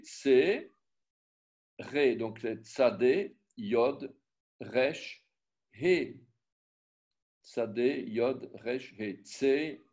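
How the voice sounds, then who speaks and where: A man, slightly high in pitch, teaching an online Biblical Hebrew class. He speaks very slowly, spelling sounds out letter by letter. He breaks off with fillers and corrects himself as he goes. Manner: slow, spells out syllables and letters one by one; self-correcting, with frequent fillers and restarts. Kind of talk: online class with screen sharing.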